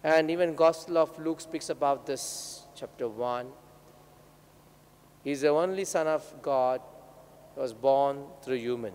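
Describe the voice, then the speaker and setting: A man, a priest reading the gospel and preaching at Mass in short, measured phrases, his voice carrying a cathedral echo in a large church. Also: medium pitch, a little mellow. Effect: cathedral echo, long church reverb. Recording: reverberant church hall, faint background noise.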